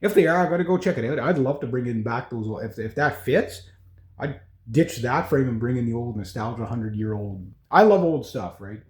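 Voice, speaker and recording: A man's voice: medium pitch, lively intonation. Rambling man in an echoey room. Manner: informal, rambling, halting with self-interruptions. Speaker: vlogger. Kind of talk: casual rambling house-tour vlog. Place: indoors in an old house room.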